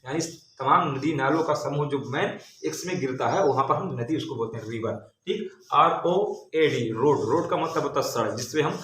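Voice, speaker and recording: A man teaching English vocabulary as a classroom lesson. He spells each word letter by letter, then repeats its meaning with a steady "ok". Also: mid-range voice, normal speed, few pauses. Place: large classroom. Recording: echoey room, faint background noise.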